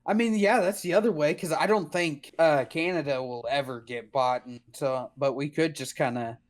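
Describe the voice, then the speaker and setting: Higher-pitched young man, slangy casual chat. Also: normal speed. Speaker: podcast co-host.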